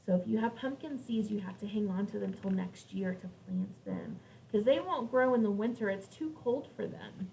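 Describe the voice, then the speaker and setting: Reading to a group of young children, a woman teacher explains things simply and puts questions to them. She speaks at a normal speed with few pauses, in a medium-pitched, creaky, dark-toned voice. It was recorded from a distance with faint noise behind her.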